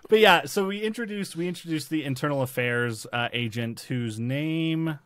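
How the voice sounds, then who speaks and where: A podcast host with a fairly high, slightly bright male voice speaks at normal speed. He chats casually about a TV series, rambling along with plenty of fillers and restarts.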